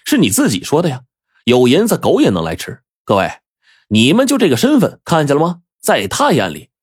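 A man's voice: fairly high pitch, huge pitch swings, a little fast, breathy edge, pitched above the performer's own voice, exaggerated voice. A man storyteller voicing a bold, sly older male beggar who talks back with cocky confidence. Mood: mocking. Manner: cocky, mocking.

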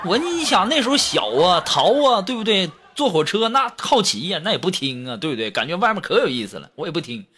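A man hosting, telling funny childhood stories in a lively way and laughing often. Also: high voice, fast talker, few pauses, slight background noise. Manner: lively, laughing often, acts out quoted parents. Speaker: comedy storyteller host. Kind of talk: comic storytelling monologue. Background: music.

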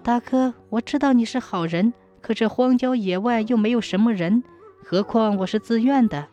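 A woman voicing a sorrowful young female river ghost, speaking haltingly and pleading through tears in a storybook tale. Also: fairly high pitch, warm tone, soft background music, close to an everyday voice. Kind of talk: storybook narration.

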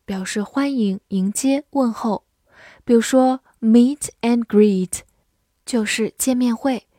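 Woman vocabulary teacher, fairly high voice, very slow deliberate delivery, spells words out, dry close sound. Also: darkish tone, no room sound. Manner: spells words letter by letter and reads example sentences slowly. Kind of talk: scripted vocabulary lesson.

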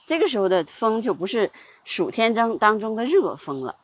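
Chatty woman with a husky voice. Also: fairly high pitch, big pitch swings, fairly quick. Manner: chatty, many fillers and small laughs. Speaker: host. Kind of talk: casual spoken talk on seasonal customs.

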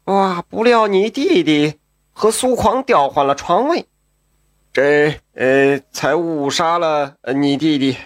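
A male storyteller voicing a drunk, scheming rich husband who confides a dark secret in a low, hesitant way. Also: slow pace, no echo, studio quality. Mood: confiding. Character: scheming wealthy young husband, drunk, confessing.

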